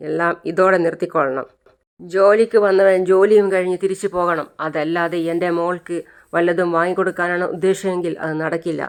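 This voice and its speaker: The narrator voicing a young mother who is angry and protective, with sharp, defiant retorts in a clear voice. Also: fairly low pitch, lightly acted.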